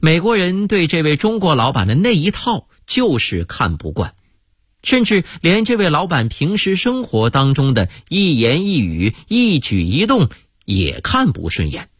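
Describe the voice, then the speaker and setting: A man telling a humorous story on the radio in a lively storytelling manner. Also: fairly high pitch, measured pace, slightly rough, dry recording, studio quality.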